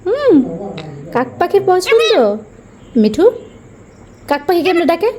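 A woman's voice: extremely high pitch, very animated, a little slow, a little mellow. A woman coaxing her pet parrot to talk, in doting, sing-song baby talk.

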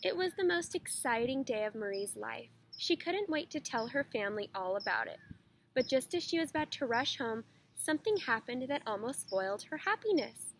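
A woman teacher reading a children's picture book aloud in a clear, expressive way. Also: a little high, normal speed, a little hiss or hum.

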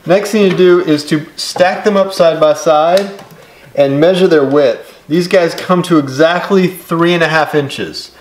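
A man's voice: on the high side, measured pace. Casual DIY man in an echoey garage. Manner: relaxed, step-by-step explaining with casual fillers. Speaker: DIY builder. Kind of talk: casual how-to instruction. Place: home woodworking garage workshop. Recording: echoey workshop with clear background noise.

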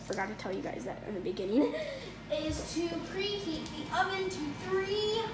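Her high voice swings widely in pitch at a normal speed as the young woman hosts a casual home cooking video, cheerful and talkative, with frequent fillers and corrections. The recording is from a phone camera across the counter in an echoey kitchen with noise.

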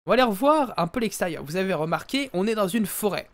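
Fast and animated, a high-pitched let's play streamer narrates his game live through a headset. He chats casually and often calls out to his viewers as ladies and gentlemen.

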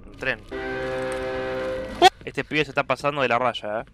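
A man's voice: mid-range voice, steady tone, fast talker, bright, forceful tone, soft background music. A young man with an Argentine accent commentating a horror game as a streamer, jumpy, screaming and swearing often while joking around. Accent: Argentine Spanish. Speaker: gaming streamer.

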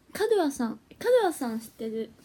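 A young woman who is an idol chats casually with viewers on a phone livestream. Her voice is high-pitched and mellow, and she is giggly and easily flustered, especially when her stream freezes.

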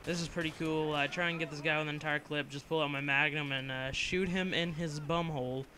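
Bright-voiced young gamer rambling over gameplay. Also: male voice, a little high, fairly even intonation, fairly quick, a little hiss or hum. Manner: rambling, joking, filler-heavy. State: coughing from a cold. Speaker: gameplay commentator. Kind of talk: casual game commentary voice-over.

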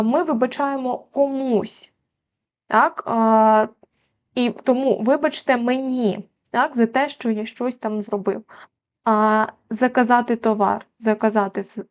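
Woman tutor explaining language errors. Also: fairly high pitch. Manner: patient, many filler sounds and tag questions. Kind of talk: explaining grammar lesson.

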